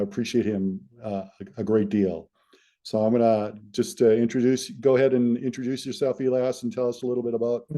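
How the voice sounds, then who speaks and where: Man, host, video call, hesitant, filler-heavy, very dark mellow voice. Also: fairly low pitch.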